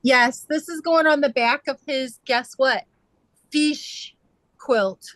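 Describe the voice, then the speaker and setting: A woman's voice: high-pitched, measured pace, a bit bright, no echo, poor audio. A middle-aged woman chatting casually on a video call, telling rambling stories full of fillers and restarts. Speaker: quilter sharing her sewing. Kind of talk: casual chat.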